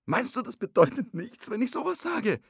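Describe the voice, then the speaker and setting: A man's voice: very high voice, sing-song, normal speed, gravelly, slightly rough, dry recording, studio quality, pitched above the performer's own voice, full character voice. A man voicing a jealous young man who is hurt and rants, swearing, in an audiobook. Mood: furious. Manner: agitated, shouting, swearing.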